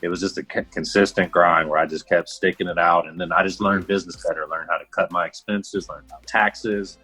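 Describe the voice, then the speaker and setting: A young man from Houston, Texas with a very low, husky voice, talking about his work in a laid-back interview. He rambles casually with plenty of filler words, and soft music plays faintly behind him. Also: steady tone, fairly quick, rough recording. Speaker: music producer guest. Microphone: livestream call.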